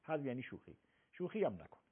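A man's voice: medium pitch, very animated, breathy edge. A man acting as a religious scholar on a live call-in show, explaining rulings methodically with emphatic examples. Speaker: religious scholar answering questions. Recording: tinny phone-like broadcast sound.

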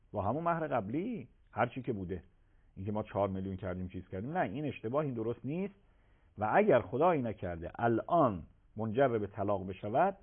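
A man, a religious scholar answering viewers' questions on a live call-in program, emphatic and swinging between loud and soft. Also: mid-range voice. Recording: tinny phone-like broadcast audio.

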